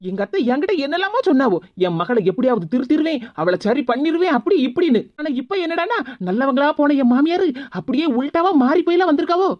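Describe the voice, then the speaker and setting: A woman's voice: high voice, sing-song, fast talker, few pauses, no room sound, dull audio. A woman voicing a fretful young daughter-in-law. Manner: fretful, complaining. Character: anxious young daughter-in-law, put-upon.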